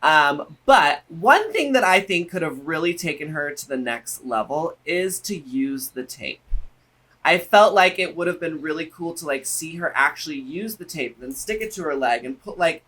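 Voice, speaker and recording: A man with a very bright, somewhat high-pitched voice. He talks like a sassy, campy drag queen, sharing opinions in a casual co-hosted review chat. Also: lively intonation, moderate pace, rough recording. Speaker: reality show review co-host.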